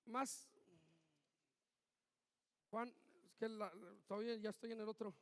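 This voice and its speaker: High-voiced pastor preaching. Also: male voice, level tone, unhurried. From Mexico. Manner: preaching with emphatic outbursts, acting out quotes. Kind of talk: sermon. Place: church hall. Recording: echoey church hall.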